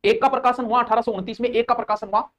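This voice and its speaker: A teacher with a Rajasthani accent gives a live exam-coaching lecture in a very high, slightly bright voice with fairly even intonation. He cracks jokes, reads viewer comments aloud and answers them, and repeats key terms slowly so students can memorize them.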